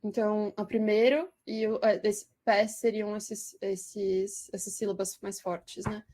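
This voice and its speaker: A woman giving a poetry lesson, talking slowly with many fillers. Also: medium pitch, level tone, dark tone. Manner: slow, hesitant, with many fillers. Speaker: lecturer. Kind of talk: poetry lesson with slide commentary.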